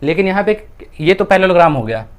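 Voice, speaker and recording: A man's voice: sits high, lively intonation, quick pace, clean tone. A young man with an Indian accent, a maths teacher working through textbook exercises step by step, mixing Hindi with English and asking and answering his own questions.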